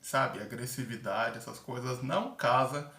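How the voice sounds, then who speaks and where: A man's voice: mid-range voice, normal speed, bright, forceful tone. A man giving casual, chatty tips about a theater aptitude test, acting out little examples as he goes. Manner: chatty, full of fillers, acts out examples. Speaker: former theater-course candidate giving tips. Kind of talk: casual advice vlog. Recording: echoey room, mic at a distance.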